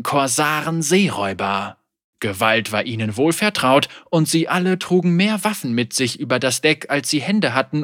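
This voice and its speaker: A man narrating a dark adventure audiobook in a vivid, dramatic storytelling manner. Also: a little high, no echo, studio quality.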